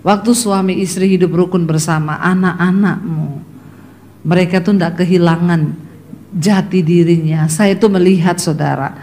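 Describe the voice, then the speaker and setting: A middle-aged woman preaching a sermon, telling lively stories about her family and acting out their voices as she addresses the congregation. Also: on the low side, normal speed, slight background noise. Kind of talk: sermon with personal anecdotes.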